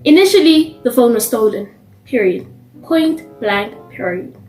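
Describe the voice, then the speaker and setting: A young woman from South Africa tells a story in a casual vlog, her voice pitched high, and she plays out the quoted lines with lively jumps in pitch. The room sounds echoey, with soft music running underneath. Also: a little slow. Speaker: vlogger. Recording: roomy with faint music behind.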